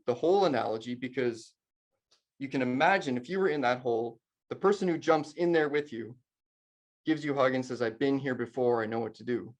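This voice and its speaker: A man giving a leadership and mentoring workshop talk, speaking casually and addressing his listeners directly. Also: medium pitch. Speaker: leadership trainer.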